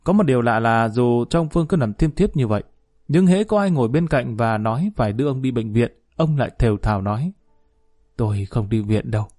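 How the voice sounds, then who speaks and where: A man narrating a story audiobook in a measured, even manner. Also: mid-range voice.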